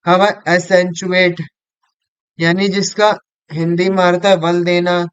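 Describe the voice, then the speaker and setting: A man reading vocabulary lists aloud as a teacher, in a slow and halting way with restarts. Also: high voice, flat delivery, clean tone, dry recording, highs cut off.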